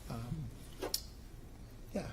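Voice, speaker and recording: Drawing out his words in a dark tone, a middle-aged man presents his own plans to a city commission. The homeowner applicant is informal and hesitant, stumbling through ums and restarts at this public meeting in a city hall meeting room, with slight background noise.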